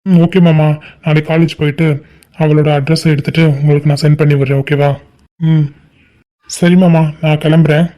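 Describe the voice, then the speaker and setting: A man's voice: fairly high pitch, level tone, normal speed, long pauses, warm tone, close to an everyday voice. A man voicing a scheming young cousin in a cartoon family drama, talking politely and ingratiatingly to his uncle.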